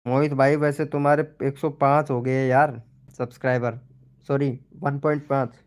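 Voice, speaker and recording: A man's voice: mid-range voice, little pitch movement, moderate pace, a little mellow, clear, resonant tone. A young man hosting a casual live stream, chatting and teasing viewers by name while reading their comments. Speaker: live stream host promoting channels.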